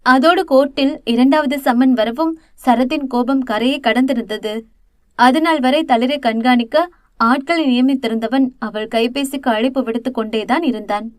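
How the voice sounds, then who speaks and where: A woman narrating an audio novel in a steady, expressive storytelling manner. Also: high voice, normal speed, no room sound, studio quality. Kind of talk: scripted narration.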